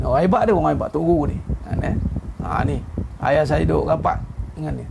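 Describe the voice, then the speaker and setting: A gravelly, high-voiced Malaysian preacher. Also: male voice, a little fast, noisy background. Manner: chatty, teasing, chuckles at his own jokes. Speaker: ustaz giving an online religious talk. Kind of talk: informal sermon.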